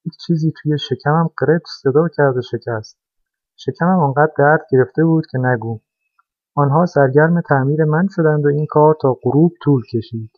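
A man voicing a large, weary truck that tells its story in a slow, thoughtful way, as a storybook character. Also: fairly high pitch, dry recording, lightly acted. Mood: musing. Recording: dry, dull lo-fi recording.

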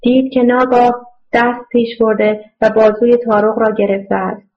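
A woman narrates a novel in a steady, measured reading voice. Her pitch sits fairly high for a woman. The recording is dull and lo-fi, lacking clarity in the top end. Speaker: audiobook narrator. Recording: muffled lo-fi audio.

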